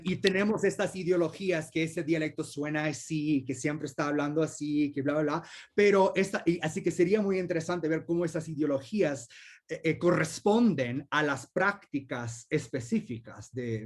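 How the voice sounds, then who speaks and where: A man's voice: fairly high pitch, normal speed. A man, the guest speaker, answering audience questions in an academic discussion over a video call and explaining thoughtfully with many examples.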